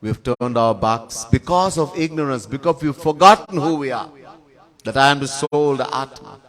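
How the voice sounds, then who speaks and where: A man with a Trinidadian accent giving a sermon as a swami in a temple, chanting Sanskrit verses slowly in a sung tone between plain teaching. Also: medium pitch, a bit bright. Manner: lists words in long spoken series. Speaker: swami giving a spiritual discourse.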